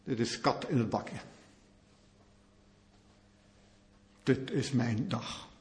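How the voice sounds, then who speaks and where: A man's voice: medium pitch, normal speed, darkish tone, pitched below the performer's own voice, natural voice. A man doing a gloating, scornful war commander.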